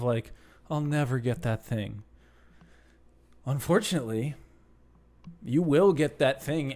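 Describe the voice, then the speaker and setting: A man's voice: mid-range voice, a little mellow. A man in his late twenties hosting a casual question-and-answer video for his channel, rambling and self-deprecating as he talks things through with frequent restarts. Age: late 20s. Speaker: channel host. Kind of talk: casual Q and A vlog.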